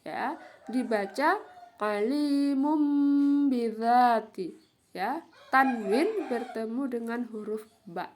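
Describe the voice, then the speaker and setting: A woman gives a Quran reading lesson, in a high voice and at an unhurried pace. She explains each rule, then models the example words and repeats them for her students. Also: expressive, a little hiss or hum. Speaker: teacher.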